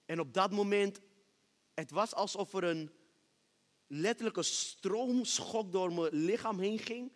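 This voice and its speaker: A man preaching a sermon testimony on a church stage, moving from hushed storytelling to loud, shouted praise. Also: high-pitched, takes it slowly. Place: church stage with reverberant hall. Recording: long hall reverb.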